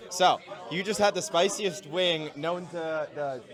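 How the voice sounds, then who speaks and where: A man's voice: on the high side, measured pace, a bit bright. A man hosting a hot wing challenge, teasing and quizzing the people eating. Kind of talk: casual event hosting.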